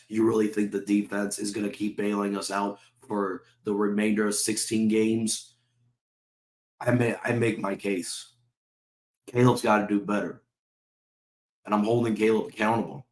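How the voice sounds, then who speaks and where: Hosting his own sports channel with a sore throat, a man rants heatedly to camera as a fan, swearing often and firing off repeated rhetorical questions. His lowish voice holds a level tone at a moderate pace, and it sounds reverberant.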